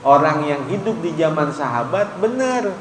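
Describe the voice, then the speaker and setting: A man giving a mosque study sermon, chanting Arabic phrases slowly and then explaining them briskly. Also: fairly high pitch, very animated, slight background noise. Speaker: religious teacher. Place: mosque hall. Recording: echoey hall, faint ambience.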